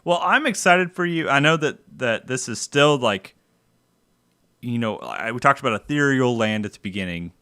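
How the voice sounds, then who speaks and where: A man's voice: mid-range voice, animated, moderate pace, sharp tone, no room sound, clean studio sound. A man hosting a podcast who sums up the conversation for listeners, enthusiastic and reflective. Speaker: podcast host. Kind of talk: casual podcast interview.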